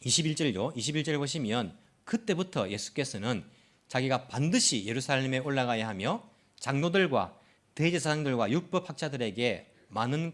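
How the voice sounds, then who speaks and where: A male pastor giving a Sunday sermon in a church, often asking the congregation questions and acting out quoted lines. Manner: animated, acts out quoted lines with rising pitch; asks the congregation frequent questions. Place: church in Tokyo.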